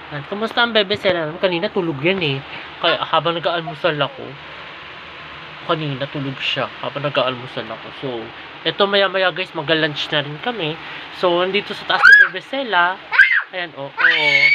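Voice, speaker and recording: A man from the Philippines vlogging casually at home, talking to his viewers on a phone camera and calling them guys again and again. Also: high-pitched. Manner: chatty, keeps addressing viewers as guys. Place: at home indoors. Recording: dull lo-fi audio with clear background noise.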